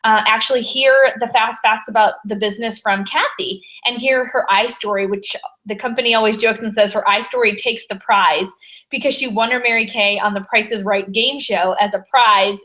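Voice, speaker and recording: A woman's voice: on the high side, fairly even intonation, normal speed, bright, forceful tone. Chatty woman hosting a video call. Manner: chatty, friendly, rambling with fillers. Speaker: sales director hosting a weekly video call. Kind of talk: upbeat training webinar hosting.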